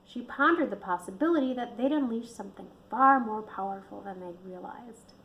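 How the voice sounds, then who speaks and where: A woman reading her own book aloud in a steady storytelling manner. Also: on the high side, normal speed, muffled recording, slight background noise. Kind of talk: audiobook narration.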